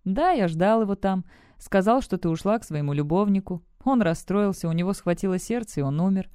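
A woman's voice: medium pitch, lively intonation, a little fast, dark tone, smooth, no room sound, clean studio sound, natural voice. A woman reading the part of a cynical, scheming young man in an audiobook, in a smug and brusque manner. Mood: dismissive.

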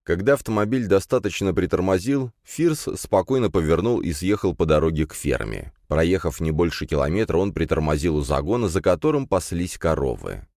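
A man reading an audiobook with steady storytelling narration. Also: low-pitched, fairly quick, hardly any pauses, no room sound, studio quality.

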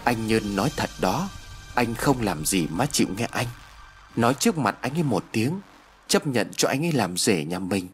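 A man's voice: medium pitch, big pitch swings, moderate pace, soft background music, lightly acted. A man voicing a grave, pleading young village woman in a spoken horror story. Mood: earnest. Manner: earnest, pleading.

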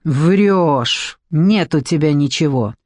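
A woman's voice: sits low, lively intonation, slow pace, a little mellow, no room sound, full character voice. Woman doing a snarling villainous male boss, audiobook, threatening, dry close sound. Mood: menacing. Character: menacing male boss, cowardly and violent. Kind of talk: audiobook reading.

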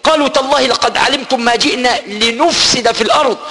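A man gives a lesson on scripture, retelling the story, explaining the old words and chanting verses slowly. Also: very high voice, bright, forceful tone, in a large hall. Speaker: Quran teacher. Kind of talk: Quran exegesis lesson.

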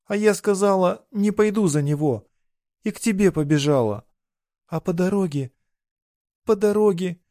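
A man's voice: lively intonation, moderate pace, dark tone, no echo, clean studio sound. A man voicing a tearful pleading village girl. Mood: desperate pleading. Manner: breathless, pleading, high and strained. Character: distraught young peasant girl, tearful and pleading.

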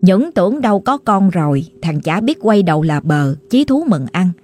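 A woman's voice: fairly low pitch, big pitch swings, moderate pace, a little mellow. Chatty Southern Vietnamese woman telling ghost stories. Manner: chatty, colloquial, exclamatory. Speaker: storyteller. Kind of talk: ghost story narration.

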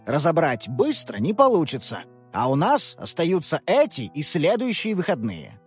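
A woman reading a children's audiobook, voicing a tired, apologetic father in a lowered, subdued tone. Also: huge pitch swings, normal speed, darkish tone, husky, faint music behind, exaggerated voice. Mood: regretful. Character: weary regretful middle-aged father. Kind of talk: audiobook character voice.

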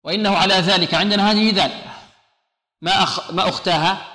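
A man teaching Quran recitation to a class. He poses questions to students, answers them himself, and slows down to demonstrate each word carefully. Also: sits high, fairly even intonation, pushed and bright. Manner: often repeats a short blessing to students. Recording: echoey room.

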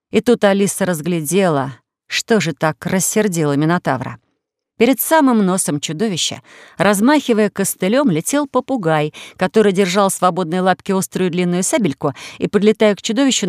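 A reader narrating a children's storybook with even, expressive reading. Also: mid-range voice, dry recording, studio quality. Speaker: audiobook reader.

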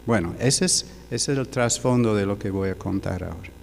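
An older man giving a sermon, telling a personal story in a slow, halting way with many fillers. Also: fairly low pitch, creaky, in a large hall. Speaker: preacher. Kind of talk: sermon testimony.

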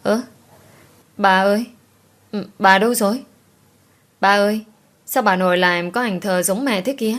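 A woman's voice: medium pitch, fairly even intonation, normal speed, long pauses, a bit bright, lightly acted. A woman voicing a clingy, tearful eight-year-old girl in an audiobook, pleading in a raised child voice. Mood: wailing.

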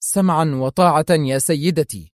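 A man voicing a tense male henchman who answers quickly and obediently. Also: a little high, no echo, studio quality, close to an everyday voice.

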